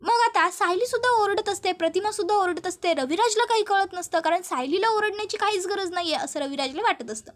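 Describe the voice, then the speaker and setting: A woman's voice: very high-pitched, a little fast, hardly any pauses. A woman narrating a recap of a TV serial as a story, explaining scenes step by step and speaking directly to her listeners.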